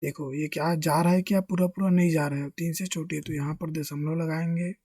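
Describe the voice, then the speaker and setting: A maths teacher explains a lesson step by step in a mellow, warm voice. Questions are posed and answered in the same breath, with constant friendly address to the viewers. The sound is close and dry, with no room echo. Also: medium pitch, steady tone, brisk, breathy edge. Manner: asks questions and answers them himself; keeps addressing listeners as friends.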